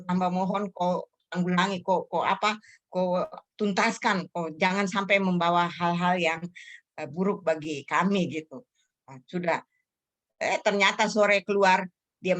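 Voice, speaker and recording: A woman's voice: fairly low pitch, a bit bright. A middle-aged woman tells her church testimony in a loose, heartfelt way. She rambles, stops to search for words and starts her sentences over. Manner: emotional, rambling with frequent fillers and self-corrections. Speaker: church member sharing a testimony. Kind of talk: casual spoken testimony.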